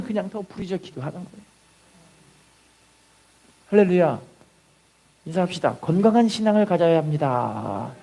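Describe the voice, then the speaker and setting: A man's voice: mellow, slightly rough. A man preaching a sermon to his congregation, leading call-and-response and crying out prayers as he tells them. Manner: cries out acted prayers at a high pitch. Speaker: pastor. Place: church sanctuary.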